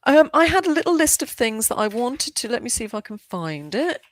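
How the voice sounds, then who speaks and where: A middle-aged native English speaker living in Switzerland chats eagerly as a guest in a casual podcast interview, rambling and restarting often. Her voice is fairly high and sing-song, a bit fast, with no room sound.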